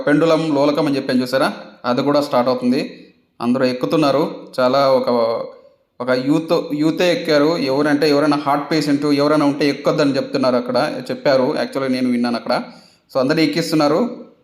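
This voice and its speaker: A chatty man talks over his footage in a fairly high voice. He laughs often and repeats himself in a loose, casual way. The sound is roomy, with clear echo around him. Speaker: vlogger.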